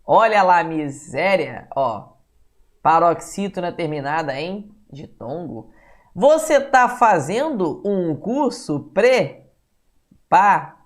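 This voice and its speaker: A man's voice: sits high, very animated, takes it slowly. A man with a Brazilian Portuguese accent teaching a live online grammar lesson for exam prep, chatty and often checking in with his viewers. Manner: chatty, keeps checking in with "beleza?" and greets viewers by name.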